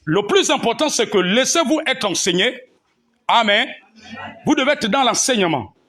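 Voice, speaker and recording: A man's voice: extremely high pitch, expressive, moderate pace, sharp tone. A man preaching a teaching sermon, punctuating his points with amen and alleluia. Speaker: pastor.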